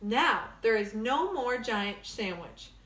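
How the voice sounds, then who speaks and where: In an echoey room with slight background noise, an animated teacher reads a story to young children. Her voice sits on the high side, she takes it slowly, and she uses expressive, simple phrasing suited to little ones.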